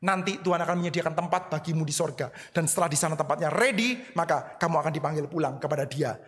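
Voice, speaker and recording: Male pastor, sermon, high voice, brisk delivery, echoey hall. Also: a bit bright. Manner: addresses listeners as brothers, mixes in English words.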